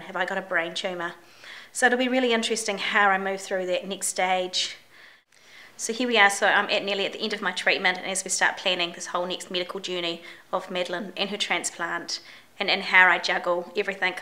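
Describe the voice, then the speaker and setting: In her personal video diary, this middle-aged New Zealand woman speaks in a mid-range voice that's bright and forward. A chest infection leaves it slightly croaky, and her vlogging is open and chatty, full of fillers and restarts.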